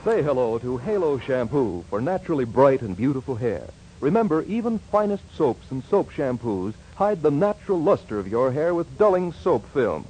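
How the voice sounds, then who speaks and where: A man's voice: medium pitch, very animated, moderate pace, few pauses, mellow, low-quality recording. A man reading a scripted advertisement as a commercial announcer on an old 1940s radio broadcast.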